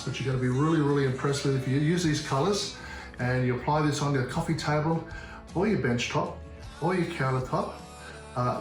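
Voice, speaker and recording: Aussie guy talking thru a diy job as he goes, relaxed, roomy echo. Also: medium pitch. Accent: Australian. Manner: relaxed, talks through each step as he works. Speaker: DIY demonstrator. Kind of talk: hands-on how-to demonstration.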